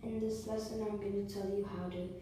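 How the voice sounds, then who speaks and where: A woman's voice: mid-range voice, level tone, fairly quick, warm tone. A young woman hosting her own podcast, chatty and repetitive as she teaches beatboxing basics. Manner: chatty, repetitive, self-correcting. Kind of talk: casual tutorial podcast. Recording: echoey room, far from mic, faint noise.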